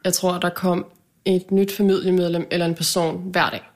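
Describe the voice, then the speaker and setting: A woman with a slightly low voice, chatting casually. She speaks frankly and reflectively. Her thoughts come out in loose, trailing phrases. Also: little pitch movement. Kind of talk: casual chat.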